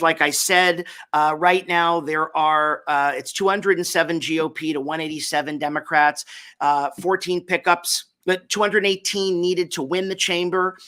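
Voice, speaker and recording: A man hosts a political commentary show while hungover. His voice sits a little high and has a bright, forceful edge. He is opinionated and emphatic, yet halts to check himself as he goes. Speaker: host of a political talk show.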